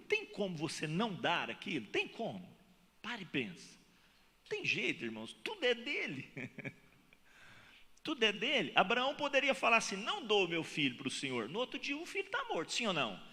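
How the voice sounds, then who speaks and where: A Brazilian pastor preaches with a lively, swooping delivery and a bright, forceful tone. He acts out dialogue in changing voices. His voice rings with the long reverb of a church hall. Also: sits high. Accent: Brazilian Portuguese. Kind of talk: sermon.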